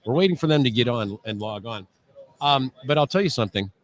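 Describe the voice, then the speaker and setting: Lively teasing male host. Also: medium pitch, fast, slight background noise. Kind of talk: casual video-call chat.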